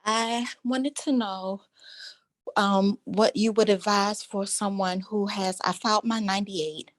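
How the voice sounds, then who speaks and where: A woman's voice: medium pitch, fairly even intonation, unhurried, no room sound. A woman with a mid-range voice calls in to a live video-call class, out of breath from walking. She asks her question politely and with some hesitation. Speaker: caller.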